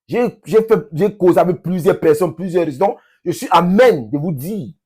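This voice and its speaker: A man from Cameroon with a Cameroonian French accent, talking casually to his subscribers in an emphatic, repetitive, halting way. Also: high-pitched, animated, warm tone, husky. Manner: emphatic, repeats phrases, halting with restarts. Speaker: vlogger, language teacher.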